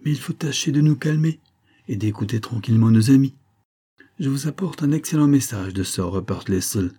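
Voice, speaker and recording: A man voicing a stout, pompous army major who speaks with slow, false tenderness. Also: medium pitch, animated, warm tone, slightly rough, pitched above the performer's own voice. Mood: coaxing. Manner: slow, coaxing, condescending.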